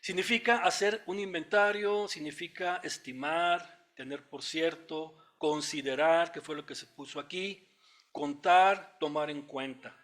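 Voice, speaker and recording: Fairly high-voiced Mexican preacher teaching. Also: male voice, fairly bright tone. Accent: Mexican Spanish. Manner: teacherly, thinks aloud with fillers and asides; reads scripture aloud slowly. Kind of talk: expository Bible study sermon.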